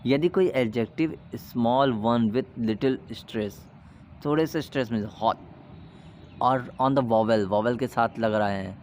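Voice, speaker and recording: A man teaching an English grammar lesson, explaining in Hindi and reading English rules slowly, with an Indian accent. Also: mid-range voice, darkish tone, a little hiss or hum.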